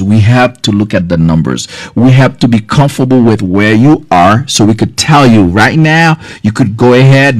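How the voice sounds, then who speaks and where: This dry recording features a man with a lowish voice: a Haitian health care provider in his forties streaming live from a small office. Earnest and direct, he offers viewers casual advice peppered with loose filler words, using a studio mic on a boom arm and a front camera in close-up.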